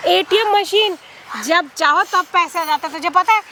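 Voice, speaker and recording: Casting: actress as a high-voiced, bright, taunting aunt, scheming and threatening, scolding outdoors. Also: female voice, slight background noise, exaggerated voice. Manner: taunting, scolding, rapid questions. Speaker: actor in a short drama. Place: outdoors in a public place.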